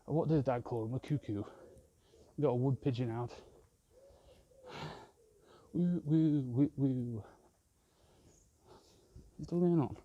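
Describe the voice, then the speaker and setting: A man's voice: mid-range voice, brisk, lo-fi sound. A man rambling and swearing constantly as he films a vlog on a walk outdoors in a park with his phone. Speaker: vlogger. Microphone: handheld phone camera.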